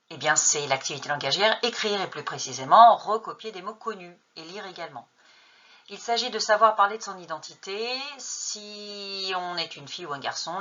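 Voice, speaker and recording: A woman's voice: on the low side, sharp tone, lo-fi sound. A woman teacher trainer narrating a lesson, posing true-or-false questions and then answering them. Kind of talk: narrated lesson on an English textbook.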